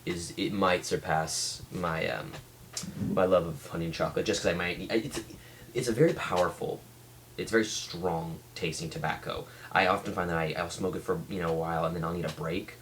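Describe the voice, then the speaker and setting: Low-voiced man in a halting casual review. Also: fairly even intonation, a bit bright, slight background noise. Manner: halting, with many restarts and trailing thoughts. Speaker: pipe tobacco reviewer. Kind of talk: casual rambling product review to camera.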